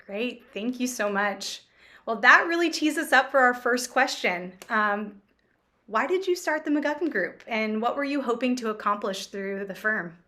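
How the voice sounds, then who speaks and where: A woman's voice: a little high, expressive, moderate pace, pushed and bright. A woman hosting a business Q&A interview, friendly and enthusiastic as she introduces topics and asks questions. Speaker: interview host, company executive.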